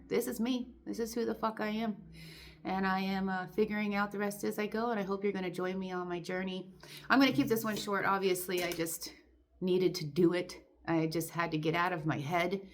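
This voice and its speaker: A woman's voice: medium pitch, creaky. A woman in her forties talking straight to the camera in a candid, emotional and defiant vlog, full of fillers and restarts. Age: 40s. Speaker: vlogger.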